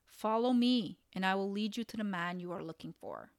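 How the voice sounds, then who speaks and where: A woman reading the lines of a calm, reassuring ancient prophet in a Bible story. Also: medium pitch, moderate pace, dry recording, studio quality, close to an everyday voice.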